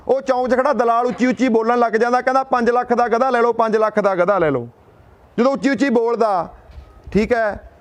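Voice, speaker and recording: A young man addressing a gathering in a rousing speech, asking and answering his own rhetorical questions and telling a folk tale. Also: very high-pitched. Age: young adult.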